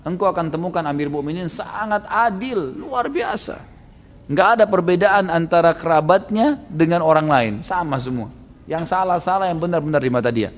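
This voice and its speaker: A man with an Indonesian accent delivers a storytelling sermon at a middle pitch. He slips into the voices of the characters as he goes. His voice trails off into the long reverb of a hall. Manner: lively storyteller, acts out dialogue, frequent "gitu kan" tags. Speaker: Islamic preacher.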